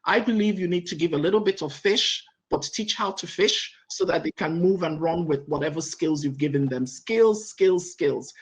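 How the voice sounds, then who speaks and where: On a panel, a middle-aged Nigerian woman gives an energetic answer, laying out her points one by one and tossing in "right?" again and again. Her voice is lowish, her pace normal, with few pauses.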